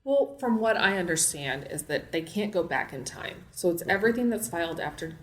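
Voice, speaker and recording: Lady lawyer, really low voice, practical step by step explaining, echoey. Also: animated, fairly quick. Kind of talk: podcast panel discussion.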